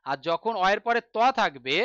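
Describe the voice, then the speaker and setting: A man's voice: sits high, animated, normal speed, a bit bright, smooth, dry recording, highs cut off. A man teaching a Sanskrit lesson in a Bengali accent, patiently asking questions and answering them himself. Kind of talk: online lesson explaining on a board.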